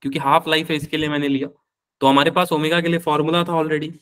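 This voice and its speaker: A man's voice: on the high side, level tone, quick pace, a bit bright. Chatty male physics teacher. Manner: chatty, calls students beta, answers their questions. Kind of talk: live online class.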